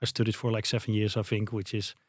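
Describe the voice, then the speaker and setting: This company founder, a guest being interviewed, is a native Dutch speaker from the Netherlands, in his thirties, replying in English with a Dutch accent. He speaks quickly in a fairly low, level voice, yet stumbles and searches for words, filling gaps with lots of fillers. The recording is dry.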